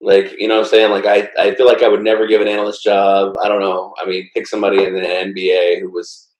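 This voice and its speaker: A man's voice: low-pitched, monotone, fast talker, roomy sound, rough recording. A man co-hosting a casual sports podcast, rambling and playful, with lots of fillers. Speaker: podcast co-host.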